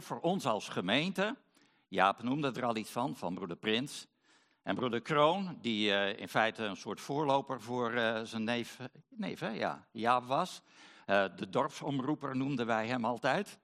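A middle-aged man preaching a sermon, pausing often with fillers as he searches for words. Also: mid-range voice, fairly bright tone. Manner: hesitant, many pauses and fillers.

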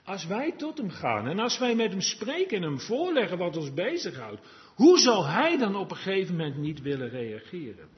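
A man with a high-sitting voice and big swings in pitch preaches a sermon at a moderate pace, captured on a dull lo-fi recording. He talks in a conversational, confiding way, sometimes dropping to a murmur, then rising to earnest, emphatic exhortation.

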